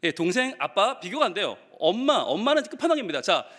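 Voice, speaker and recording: A male pastor preaches in a high, lively voice that swings widely as he tells stories. He acts out the quotes along the way. The sermon echoes with a long reverb through a church hall. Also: quick pace. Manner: animated storytelling, acting out quotes. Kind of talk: sermon to teachers. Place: church sanctuary.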